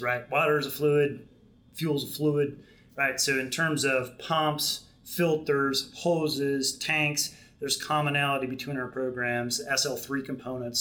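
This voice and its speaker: Measured man explaining at length. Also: medium pitch, a bit bright. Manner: measured, explanatory, many restarts and fillers. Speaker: Marine Corps program manager, guest. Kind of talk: podcast interview.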